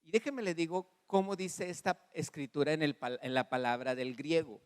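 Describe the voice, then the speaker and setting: A man with a Mexican Spanish accent preaching a sermon as pastor, animated, calling on the congregation to repeat after him. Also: a little high, moderate pace, smooth. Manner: animated preaching with audience call-and-response; acts out dialogue in varied voices. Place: church hall. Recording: long reverb in a church hall.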